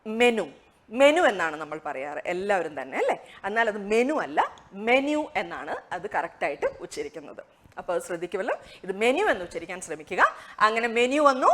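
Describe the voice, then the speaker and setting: A woman teaching English pronunciation in a conversational lesson, asking rhetorical questions and slowing down on the target words. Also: medium pitch, sing-song, a bit bright. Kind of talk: explanatory lesson.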